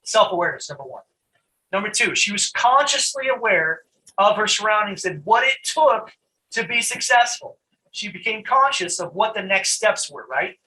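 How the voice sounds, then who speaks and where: A middle-aged man giving a live online training talk, conversational and animated, often laughing and restarting his sentences. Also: high-pitched, normal speed, poor audio.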